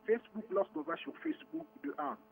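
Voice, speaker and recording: Calling in to a radio show, a man born in Morocco talks loosely and rambles, frequently restarting and mixing Lingala with French. His extremely high, creaky voice is animated and fairly quick, and the phone line carries a little hiss or hum.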